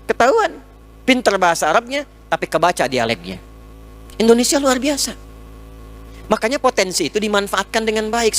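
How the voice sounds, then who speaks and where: High-voiced male preacher, lively and joking. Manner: animated, joking, teaching with everyday examples. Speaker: Islamic preacher. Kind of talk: humorous sermon lecture with questions and answers. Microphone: speaking into a microphone.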